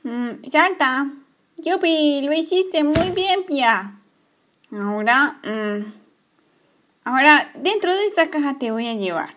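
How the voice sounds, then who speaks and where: Soft little girl coaxing her pet bunny in a toy story, woman doing the voice, high pitched, slow. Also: lively intonation, exaggerated voice. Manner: gentle, coaxing, talks slowly to a pet. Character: young girl Emma, kind and secretive. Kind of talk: playing with toy figures.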